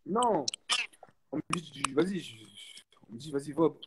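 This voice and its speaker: A young man chatting casually as a guest, telling a story in animated street slang and repeating himself for emphasis. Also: a little high, a little slow, background noise. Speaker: guest, basketball player.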